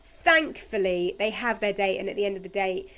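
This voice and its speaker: A woman hosting a podcast, retelling soap episodes in a casual, chatty way with animated storytelling. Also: medium pitch, moderate pace. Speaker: podcast host recapping a soap. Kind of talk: casual chat.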